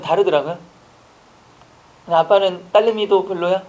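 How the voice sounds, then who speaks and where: A man's voice: sits high, normal speed, a little mellow, lo-fi sound. A man in his forties teaching an exam-prep grammar lecture, chatty, asking rhetorical questions and acting out short dialogues.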